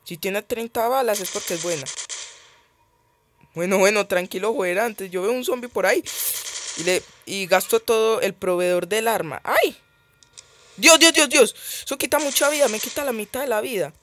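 A man with a high voice chats while commenting on a game at a moderate pace, thinking aloud and getting startled easily. It's casual gameplay commentary with slight background noise.

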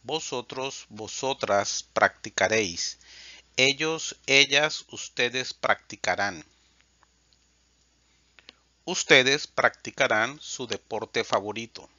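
Slow, deliberate Spanish teacher, man. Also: medium pitch, sharp tone, no echo. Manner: measured, deliberate reading of verb forms. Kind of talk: slow drilled verb conjugation lesson. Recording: dull lo-fi dry sound.

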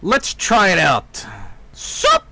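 A streamer's recorded voice played back so it skips and stutters, shouting goofy cartoonish game-style lines. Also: male voice, sits high, huge pitch swings, slow, gravelly, very noisy. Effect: skipping, stuttering playback of his recorded voice. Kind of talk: playback of a recorded voice test.

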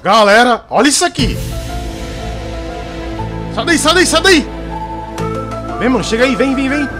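A young man with a Brazilian Portuguese accent giving excited, slangy let's-play commentary and shouting at the screen. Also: very high-pitched, a little slow. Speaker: gaming youtuber. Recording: game music playing under voice.

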